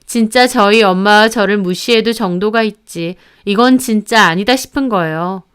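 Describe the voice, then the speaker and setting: Woman, narrator, smooth clear voice, slightly high, aggrieved first-person storytelling.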